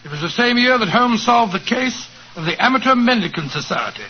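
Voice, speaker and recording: A man's voice: extremely high pitch, expressive, brisk. An older man playing an elderly doctor who genially tells a story, in 1940s radio acting. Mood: storytelling. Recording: muffled old radio broadcast with faint hiss.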